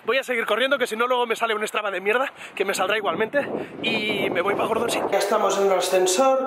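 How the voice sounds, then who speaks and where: Man, 30s, high voice, chatty and foul-mouthed, talking to a handheld camera on a seaside run, faint street noise. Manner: animated, swearing, motivational rambling. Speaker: vlogger. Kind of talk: casual vlog monologue while out running. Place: outdoors by the sea at night. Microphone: camera held in hand while on the move.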